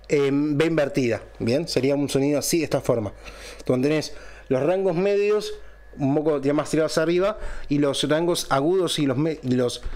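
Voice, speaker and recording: A man with a somewhat high voice walks through a microphone review and sound test in a relaxed, explanatory way, often pausing to ask if his audience is following. He speaks close into a dynamic studio mic at a home recording setup. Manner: explanatory, checks in with a frequent "¿bien?". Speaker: channel host reviewing a microphone. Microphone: close dynamic studio microphone through a mixer.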